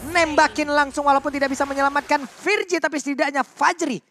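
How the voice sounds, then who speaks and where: An esports caster with an Indonesian accent giving excited live game commentary, full of playful exclamations and slang. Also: high voice, fast, noisy background.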